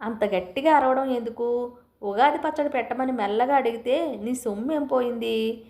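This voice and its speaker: A woman's voice: fairly high pitch, normal speed, a little mellow, lightly acted. A woman voicing a young mother who scolds her boy, as in a storybook reading. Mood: chiding. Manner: chiding. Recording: roomy echo.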